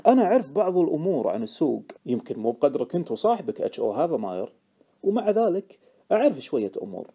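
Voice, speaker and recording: A sly old trader who stays calm and dry, as a male audiobook reader plays him, answering in a Gulf Arabic accent. The reading is steady and lively in pitch, with a quick pace. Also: husky, heavily acted. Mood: cool. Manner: cool, unhurried, dry. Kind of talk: audiobook character voice.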